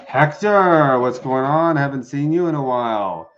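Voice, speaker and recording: A man's voice: mid-range voice, expressive, unhurried, dull audio, soft background music. A man doing a live-streamed tarot reading, chatting with viewers and answering the chat. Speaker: tarot reader.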